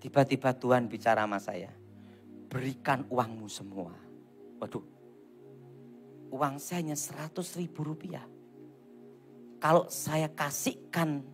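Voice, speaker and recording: A man with a Javanese accent preaching a sermon as an evangelist, telling stories and asking the congregation to agree. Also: medium pitch. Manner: animated storytelling, asks the crowd "betul?".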